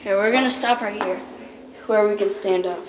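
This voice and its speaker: A woman's voice: mid-range voice, moderate pace. Nervous young woman vlogging in echoey tunnel. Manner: nervous, jumpy, slangy. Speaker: vlogger exploring tunnels at night. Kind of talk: casual night exploration vlog. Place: inside an underground tunnel at night. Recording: echoey tunnel, noisy, handheld camera.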